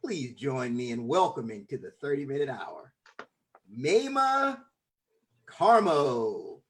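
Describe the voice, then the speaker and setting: A man's voice: medium pitch, very animated, slow. A man hosting a podcast, introducing a guest with enthusiasm and often stumbling over and repeating his words. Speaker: podcast host. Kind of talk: casual interview introduction.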